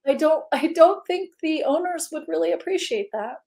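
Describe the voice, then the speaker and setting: Woman, host, high voice, bubbly, giggly, rambling, casual live chat. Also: lively intonation, normal speed, creaky, a little mellow. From Indiana, US.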